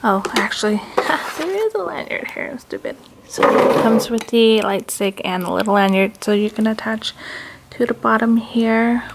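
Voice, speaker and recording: A woman vlogger with a fairly high voice talks casually to her viewers as she unboxes something. A slight lisp from her retainer colors her words, and there is clear noise with small clicks behind her. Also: moderate pace. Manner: informal, excited, addressing viewers as guys. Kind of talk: casual unboxing vlog to camera.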